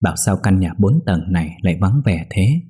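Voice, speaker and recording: A man narrating a first-person horror story in a somber, measured way. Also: low-pitched, animated, dark tone, slightly rough. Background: faint music.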